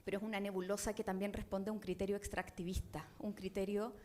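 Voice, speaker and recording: A woman's voice: medium pitch, level tone, fast, a little mellow. A woman from Chile with a Chilean accent, speaking as a discussant on an academic panel, thoughtful and digressive, often adding tag questions.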